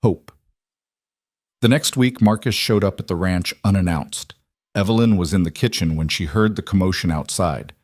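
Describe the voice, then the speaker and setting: A man narrating a western story in an even, measured way. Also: sits low, no room sound, clean studio sound. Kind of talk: scripted narration of a western romance.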